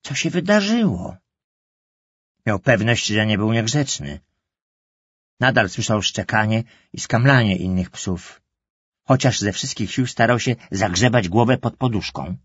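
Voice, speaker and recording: Husky, low-voiced man, calm even storytelling narration, dull lo-fi dry recording. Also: a little slow, no room sound. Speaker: audiobook narrator. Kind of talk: scripted narration.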